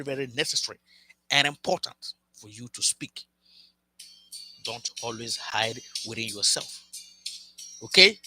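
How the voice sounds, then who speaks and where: A man with a medium-pitched, pushed, bright voice lectures viewers on camera about relationships, recounting a cautionary love story earnestly while often restarting and repeating words. He's a vlogger offering relationship advice.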